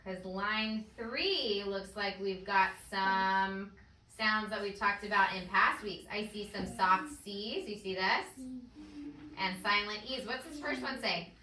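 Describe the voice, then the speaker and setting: A woman's voice: mid-range voice, slow pace, sharp tone, slight background noise. A woman teacher leading a phonics lesson with a child in a classroom, patient and encouraging. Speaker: first-grade teacher. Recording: echoey classroom audio from far off.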